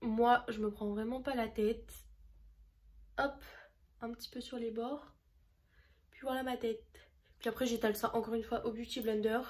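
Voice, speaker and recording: A woman's voice: a little high, level tone, moderate pace, pauses often, a little mellow. A young woman chatting casually and a little rambly while doing her makeup for a vlog tutorial. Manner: chatty, rambling, self-deprecating. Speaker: beauty vlogger.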